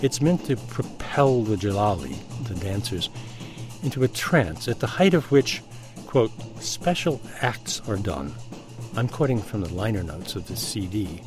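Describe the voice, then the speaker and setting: A man's voice: on the low side, expressive, moderate pace, music in the background. A man hosting a radio documentary, narrating in a dry, wry, conversational manner. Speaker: radio host.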